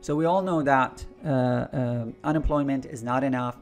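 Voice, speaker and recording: An earnest man from Iraq talks straight to his listeners as an energy intuitive. His voice sits at a mid pitch, and he repeats key phrases for weight. Soft guitar music plays faintly underneath. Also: moderate pace. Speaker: energy intuitive channel host. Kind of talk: spiritual monologue to camera.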